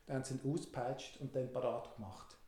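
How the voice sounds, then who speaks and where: A storyteller retelling a Bible story in an animated, dramatic way. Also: medium pitch, fast. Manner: animated, dramatic, switching voices. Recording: roomy echo.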